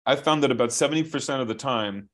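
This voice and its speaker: A software company founder, appearing as a guest, explains his software while sharing his screen on a video call. His mid-range voice moves briskly, and he thinks aloud with restarts.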